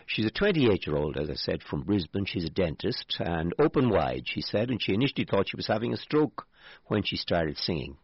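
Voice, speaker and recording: A male radio host reads a news item in a relaxed, chatty way and breaks off for dry jokes. His pitch moves about a lot and his voice has a slight huskiness. The sound is dry and a little dull, with faint music underneath. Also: a little fast, breathy edge, dry recording. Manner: wry asides, lively intonation. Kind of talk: casual radio chat reading a news story.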